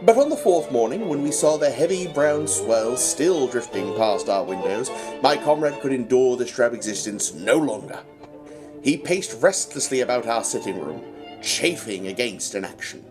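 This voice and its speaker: Man playing genteel Doctor Watson, animated, over music. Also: medium pitch, normal speed, lightly acted. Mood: reflective, formal. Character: Doctor Watson, genteel, patient male companion and narrator. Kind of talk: radio-style audio drama acting.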